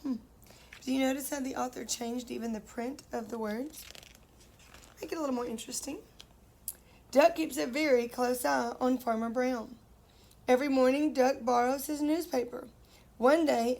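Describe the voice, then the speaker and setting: A woman's voice: high-pitched, fairly even intonation, normal speed, vocal fry, a little mellow, slight background noise. A woman teacher reading a picture book aloud to children, stopping to ask them questions and playfully singing the animal noises.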